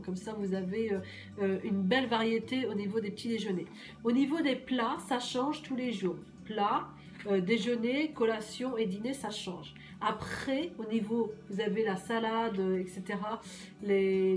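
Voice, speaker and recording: A woman from Normandy with a hoarse voice from a cold, chatting casually and reassuringly to her viewers about a weekly menu, with many fillers and repeats. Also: on the high side, darkish tone. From Normandy, France. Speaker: weight-loss menu vlogger.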